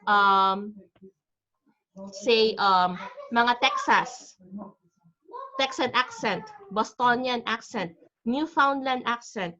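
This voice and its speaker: A woman's voice: on the high side, extremely slow, pauses often, bright, forceful tone, a little hiss or hum. Filipino woman teaching an online class. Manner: chatty, mixes Tagalog and English, asks "di ba?". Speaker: IELTS teacher. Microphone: video call. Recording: lo-fi video call audio.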